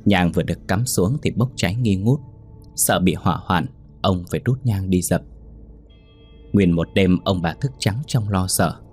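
A man narrating a scripted ghost story in a steady, somber way. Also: low voice, normal speed, breathy edge, faint music behind.

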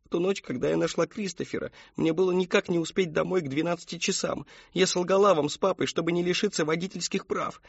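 A man's voice: high-pitched, fast, vocal fry, breathy edge, no echo, dull audio, pitched above the performer's own voice, heavily acted. A man voicing a frightened teenage girl who pleads and tearfully confesses in a storybook reading. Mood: tearful confession.

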